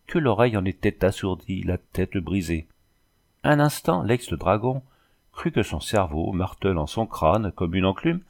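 A man narrating an adventure novel as an audiobook, reading in a measured, dramatic way. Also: lowish voice, a little mellow.

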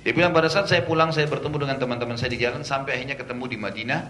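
Bright-voiced male preacher in a roomy echo. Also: rapid-fire. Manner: animated retelling, acting out the characters' lines; casual asides with conversational fillers. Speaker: Islamic preacher. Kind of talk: storytelling religious lecture. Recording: roomy echo with faint rumble.

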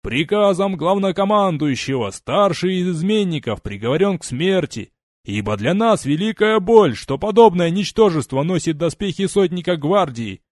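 A man's voice: mid-range voice, animated, moderate pace, a little mellow, dry recording, studio quality, close to an everyday voice. A man voicing a stern, imperious army legate in an audiobook reading. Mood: proclaiming. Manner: imperious, commanding.

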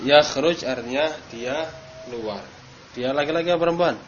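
A man's voice: fairly high pitch, moderate pace. A man teaching Arabic grammar to a class, quizzing students by name and stressing drill words. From Indonesia. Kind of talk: classroom lesson. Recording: dull noisy classroom recording.

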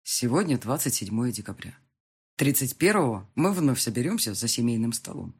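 A man voicing a domineering, mocking adult man who blackmails the heroine, speaking low and slow with a husky voice in an audiobook. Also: sing-song, heavily acted. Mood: menacing. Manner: low, slow and menacing, with taunting laughs. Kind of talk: audiobook dialogue reading.

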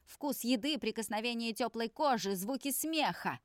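A woman voicing a furious, tearful young male vampire who shouts and pleads, in an audiobook. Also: a little high, lively intonation, moderate pace, no echo, studio quality, pitched above the performer's own voice, natural voice. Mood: angry pleading.

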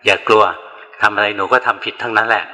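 Older monk in a reverberant hall. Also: male voice, on the low side, flat delivery, fast talker, bright, forceful tone. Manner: plain storytelling, frequent "na" tag. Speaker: Buddhist monk teacher. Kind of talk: dharma talk with questions from the audience.

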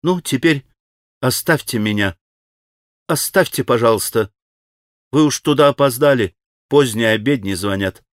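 A man reading an audiobook, voicing a proud, tormented young woman in quick, clipped, strained speech. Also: mid-range voice, no room sound, clean studio sound, natural voice.

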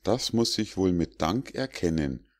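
A clever squirrel who stays politely out of reach, voiced by a man reading a fable. The tone is courteous with a gentle mocking edge. It is delivered low and at an unhurried pace. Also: animated. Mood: polite wary. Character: wary clever squirrel, polite and quick-witted.

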